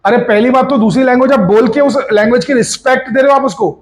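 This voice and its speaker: A man's voice: very high voice, quick pace. A man teaching a recorded physics lesson in a chatty, coaxing way, switching between Hindi, English and Marathi asides.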